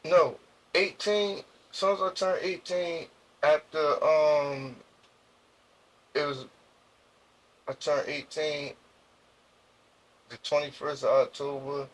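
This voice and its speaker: A young man from Jersey City with a New Jersey accent, telling his story as an interview guest in slangy, halting speech full of restarts. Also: on the high side, steady tone, rough recording. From Jersey City, USA.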